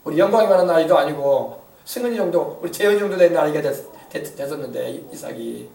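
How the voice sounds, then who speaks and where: A male pastor preaching a lively sermon, drawing responses from the congregation and acting out what people say. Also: a little high, fast talker, gravelly. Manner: animated preaching with call-and-response and acted-out quotes. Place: church sanctuary. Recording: echoey church hall from a distant mic.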